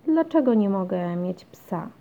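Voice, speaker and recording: A woman's voice: lively intonation, a little slow. A woman reading a children's storybook, voicing a stubborn, cheeky little girl who whines and insists. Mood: pleading. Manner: high, whiny and insistent. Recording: dull lo-fi recording.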